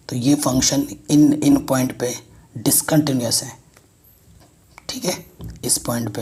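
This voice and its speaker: A man's voice: medium pitch, darkish tone, slightly rough. A man teaching a math lesson, explaining step by step and checking in with students often.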